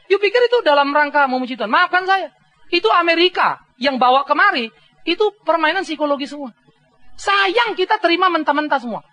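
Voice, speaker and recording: A middle-aged man preaching a sermon as a pastor, telling animated stories with humor and acting out voices. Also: very high voice. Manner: mixes English words into speech.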